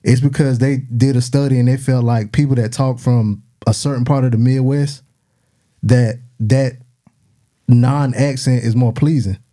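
A man's voice: medium pitch, fairly even intonation, moderate pace, warm tone. A man with a South Carolina Southern accent explaining his view in casual, slangy, colloquial speech. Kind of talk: casual chat.

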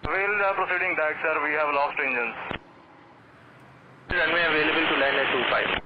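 A man, an airline pilot, speaking over a cockpit radio transmission, urgently declaring a mayday in clipped, halting phrases with restarts. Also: on the high side. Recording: muffled noisy radio recording.

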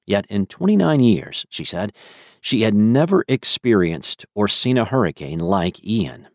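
A man narrates a daily weather news report in an even, measured read. His voice sits fairly low. The recording is dry and close, with no room sound. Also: no echo.

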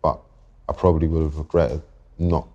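Very deep flat-voiced young London man. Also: muffled recording. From England. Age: 20s. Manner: reflective, halting, circles back to restart thoughts. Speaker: guest rapper. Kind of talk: podcast interview.

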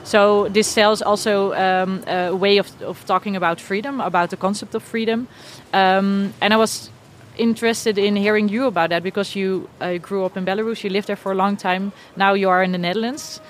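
Woman interviewer, medium pitch, chatty but halting and tentative, some street noise in the back. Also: steady tone. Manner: tentative, halting phrasing with frequent backchannels. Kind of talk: conversational interview.

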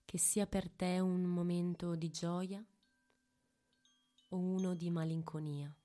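Hushed, very slow woman guiding meditation, close-up. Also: on the low side, little pitch movement. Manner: hushed, intimate, close to the ear; long pauses between short phrases. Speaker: meditation guide. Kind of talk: guided meditation, slow and soothing.

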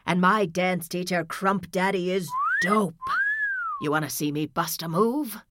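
A woman reading aloud, voicing a wacky, energetic seventy-six-year-old grandmother who whispers advice and brags in slang. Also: fairly low pitch, unhurried, heavy background noise, voice pushed down, lightly acted. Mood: boastful. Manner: sly whisper, then hip slang. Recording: music playing behind.

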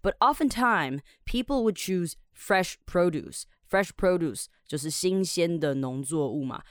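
A woman's voice: fairly low pitch, animated, unhurried, no room sound, studio quality. A woman from Taiwan, hosting a podcast lesson as an English teacher. She is upbeat and chatty and explains words step by step.

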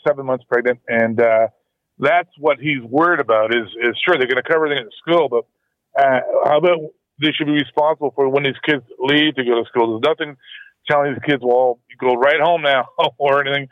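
A man calling in to a radio show over the phone, rambling and halting as he repeats words. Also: mid-range voice, no room sound. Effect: heard over the phone. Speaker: radio caller. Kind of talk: call-in radio chat. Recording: tinny phone line.

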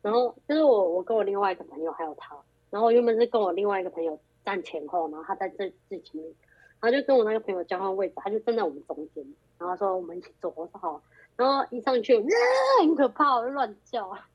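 On a muffled, lo-fi group phone call, a young woman guest tells a story in casual chat. Her mid-range voice has a breathy edge, and she talks fast, animatedly acting out the quoted lines.

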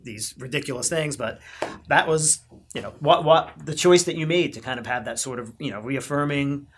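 A podcast host interviewing guests in a relaxed, jokey manner. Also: medium pitch, moderate pace, husky.

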